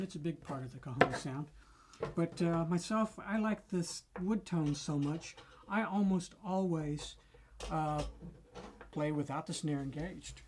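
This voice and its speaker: Low-voiced woman demonstrating a cajon. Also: heavy background noise. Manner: unhurried, explanatory, with frequent pauses and fillers. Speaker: cajon maker demonstrating an instrument. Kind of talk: casual product demonstration. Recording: cajon drumming between and under the speech.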